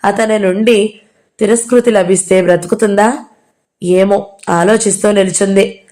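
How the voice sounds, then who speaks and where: A woman's voice: medium pitch, fairly even intonation, a little slow, darkish tone. A woman narrating a novel as an audiobook reader, reading all the characters' lines herself.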